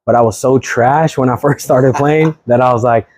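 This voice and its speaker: A man's voice: medium pitch, moderate pace, a little mellow, dry recording. 30s guy from sacramento, real estate agent, chill slangy guest talk, dry close sound. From Sacramento, California. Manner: easygoing, chuckling, slangy. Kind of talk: casual chat.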